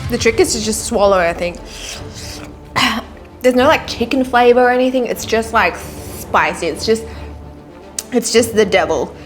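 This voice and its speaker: A woman's voice: fairly high pitch, a little slow, long pauses, faint music behind. A woman chatting casually to camera while eating, her mouth burning from spicy food as she struggles to swallow and breathe. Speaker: vlogger doing a spicy food challenge.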